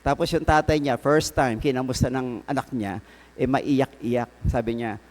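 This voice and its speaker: A priest with a Filipino accent preaching at a prayer meeting, mixing English and Tagalog and telling a story with rhetorical questions. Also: male voice, medium pitch, fairly even intonation, normal speed, big-room sound.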